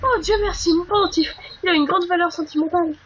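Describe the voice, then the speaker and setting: A woman's voice: very high voice, fast talker, a bit bright, a little hiss or hum. A woman reading a cheerful young princess. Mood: eager. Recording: dull lo-fi with faint game music.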